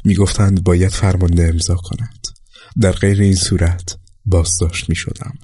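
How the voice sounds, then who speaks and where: Male audiobook narrator, mellow and husky, calm measured memoir reading. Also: deep voice, no echo, clean studio sound. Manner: calm, measured storytelling, voicing quoted dialogue lightly.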